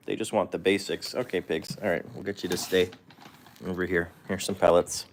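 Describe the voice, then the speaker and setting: A man's voice: low-pitched, little pitch movement, fairly quick, slight background noise. A man casually chatting on a livestream while feeding his guinea pigs, rambling and correcting himself with small chuckles. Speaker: pet vlogger.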